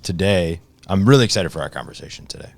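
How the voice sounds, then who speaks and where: Eager low-voiced podcast host man. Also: fast, creaky, faint music behind. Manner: eager, energetic, restarts sentences. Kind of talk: podcast conversation.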